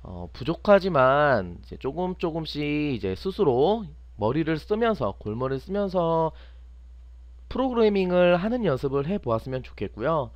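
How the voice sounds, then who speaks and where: Here a man teaching programming online runs an unscripted screen tutorial, repeatedly asking and answering his own questions. His voice sits on the high side with a sing-song lilt at normal speed, and the muffled recording has no echo.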